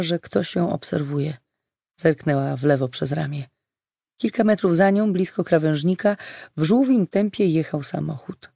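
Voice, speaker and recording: A narrator reads the story in a steady, measured way, with a gravelly grain to the voice. The recording is dry and close, with no room sound. The pitch sits at a middle level. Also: no room sound. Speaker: audiobook narrator. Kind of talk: scripted narration.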